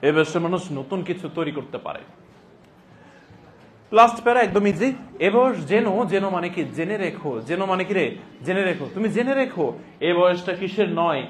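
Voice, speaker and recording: A man giving a classroom lecture as a teacher, repeating phrases deliberately for dictation and prompting students with emphatic questions. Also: sits high, animated, slight background noise. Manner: repeats phrases slowly and deliberately for note-taking.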